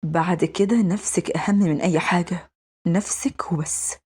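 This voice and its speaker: A woman's voice: fairly low pitch, fairly even intonation, normal speed, a little mellow, husky. A woman voicing a cold, protective adult male mafia boss in Egyptian Arabic, curt and firm. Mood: stern.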